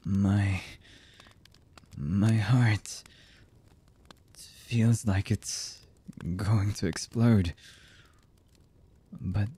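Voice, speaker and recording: In an anime boyfriend ASMR, a man plays a lonely, brooding young villain with a low, mellow, breathy voice that often drops near a whisper. He speaks very slowly and haltingly with fairly even intonation, tender and confused as though confiding something intimate, over slight background noise.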